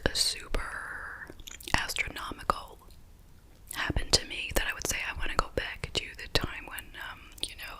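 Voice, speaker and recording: A middle-aged woman chatting casually in a soft, breathy ASMR whisper, rambling along with gum-chewing mouth sounds. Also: poor audio. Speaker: ASMR video host.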